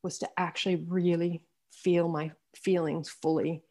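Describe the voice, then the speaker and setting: A woman's voice: lowish voice, flat delivery, unhurried, a little mellow. A woman in her forties speaking candidly as a podcast guest, telling a personal story openly with laughs and the odd swear word. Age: 40s. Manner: open and frank, with laughs and mild swearing.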